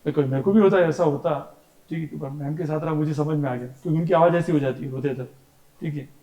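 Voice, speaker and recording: A male science teacher lectures in an echoey classroom, chatty and teasing, often breaking into stories and impressions of his family. His voice is a little high, fast, and mellow, though the audio is dull.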